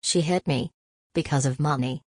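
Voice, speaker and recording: A woman voicing an injured twelve-year-old girl with a rasping, whispered voice. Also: low voice, moderate pace, darkish tone, no echo, studio quality. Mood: hurt.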